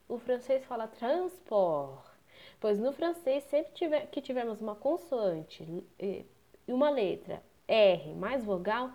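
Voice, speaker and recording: A woman's voice: fairly high pitch, a little mellow. A woman with a Brazilian Portuguese accent, explaining French pronunciation rules as a teacher and answering her own questions. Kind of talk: pronunciation lesson.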